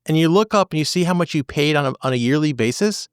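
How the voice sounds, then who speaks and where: A man's voice: fairly high pitch, lively intonation, quick pace, clear, resonant tone, no echo, studio quality. A man in his forties hosting a podcast as a divorce attorney, talking casually and animatedly, repeating phrases for emphasis.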